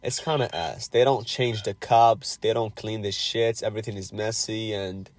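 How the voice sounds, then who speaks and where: A man's voice: fairly low pitch, normal speed, no room sound. Blunt young man from Algeria. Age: 20s. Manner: blunt, curious, swears freely. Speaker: host chatting with strangers online. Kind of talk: casual chat.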